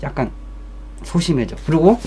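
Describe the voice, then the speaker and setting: A man's voice: fairly high pitch, animated, normal speed, warm tone, slight background noise. A young man telling a story casually from his streaming room, blunt and swearing, acting out coworkers in raised voices. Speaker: streamer giving life advice.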